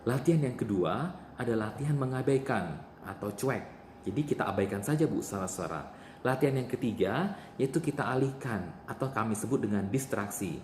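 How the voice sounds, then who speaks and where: A man's voice: medium pitch, animated, a little fast. A man playing a nurse in a role-play demonstration, patiently repeating the patient's answers back to her. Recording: echoey room with faint noise.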